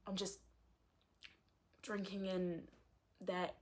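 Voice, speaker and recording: Young woman in her early twenties, vlogger, frank and earnest, slightly low-pitched. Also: flat delivery, drawn-out words, darkish tone. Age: early 20s. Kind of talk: candid personal vlog talk.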